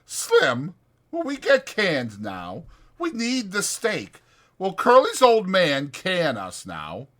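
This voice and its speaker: A man voicing a protective ranch worker who shouts urgent orders. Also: sits high, wildly swooping pitch, takes it slowly, pitched above the performer's own voice, full character voice. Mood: worried. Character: anxious protective male ranch worker, wiry.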